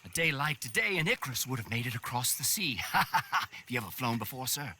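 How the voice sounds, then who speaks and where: An actor playing an eccentric, old-fashioned gentleman balloon pilot in a game, chattery and effusively, oilily polite. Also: medium pitch, very animated, fairly quick, slight background noise. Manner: oily, effusive politeness, repeating courtesies. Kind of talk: theatrical game character acting. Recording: loud music over the voice.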